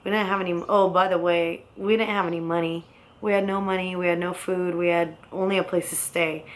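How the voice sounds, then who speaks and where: A woman's voice: fairly low pitch, fairly even intonation, fairly quick, a little hiss or hum. A young woman casually telling her own story in a rambling, blunt way, swearing often.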